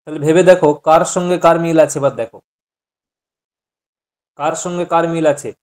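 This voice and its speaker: A man's voice: on the high side, steady tone, fairly quick. Man teaching an online class. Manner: patient, asks students questions and repeats points. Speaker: Sanskrit grammar teacher.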